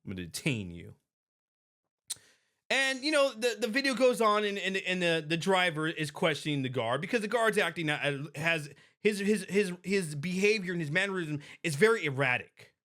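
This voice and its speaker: A woman's voice: fairly low pitch, moderate pace, hardly any pauses. A woman hosting a podcast, commenting casually and emphatically on a video clip as a private security expert, with many restarts. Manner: animated and emphatic, with frequent restarts and laughs.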